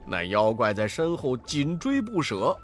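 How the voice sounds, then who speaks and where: Slow, expressive storybook narrator, man. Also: medium pitch, slight background noise.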